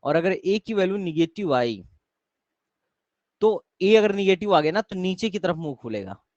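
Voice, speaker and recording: A man's voice: high-pitched, big pitch swings, normal speed, darkish tone, no room sound, dull audio. A young man teaching math in a live online class, often quizzing his students and repeating his questions. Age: young adult.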